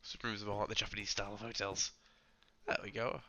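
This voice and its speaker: A man, hoarse and croaky from being ill, chatting casually as he plays and talks to his viewers. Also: fairly low pitch, flat delivery, quick pace, pushed and bright, highs cut off, a little hiss or hum. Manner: chatty, rambling, talks to viewers and to game characters. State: hoarse from illness. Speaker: gaming channel host. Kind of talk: casual gameplay commentary.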